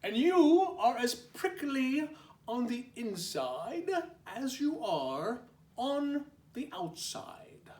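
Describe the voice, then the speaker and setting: A man's voice: very high voice, big pitch swings, extremely slow, darkish tone, pitched above the performer's own voice, full character voice. A man voicing a blunt, critical coyote in a storybook, drawing his words out. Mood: blunt, offended. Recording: roomy echo, distant microphone.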